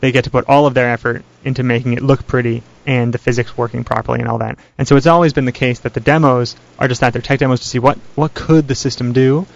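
Fast, smooth radio host, lo-fi broadcast. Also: male voice, mid-range voice, steady tone. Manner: chatty and fast, keeps the talk moving between callers. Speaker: call-in radio show host. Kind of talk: smooth radio host talk, taking callers. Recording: dry, dull lo-fi radio broadcast.

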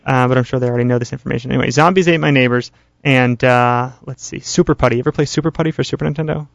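Fast, smooth radio host, lo-fi broadcast. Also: male voice, mid-range voice, steady tone, dry recording. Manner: chatty and fast, keeps the talk moving between callers. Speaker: call-in radio show host. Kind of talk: smooth radio host talk, taking callers. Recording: dry, dull lo-fi radio broadcast.

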